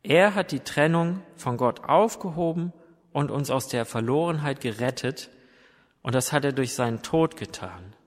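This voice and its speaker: A man's voice: mid-range voice, lively intonation. A man preaching a sermon in an earnest manner, speaking to his listeners directly. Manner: slow, earnest, addresses listeners warmly. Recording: long hall reverb.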